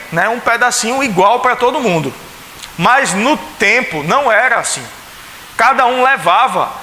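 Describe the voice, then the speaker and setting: In a church sanctuary, a male pastor with a Pernambuco Brazilian Portuguese accent preaches in a high, sharp voice. He's chatty, fires off rhetorical questions, and acts out the voices he quotes, all in an echoey hall with faint hiss.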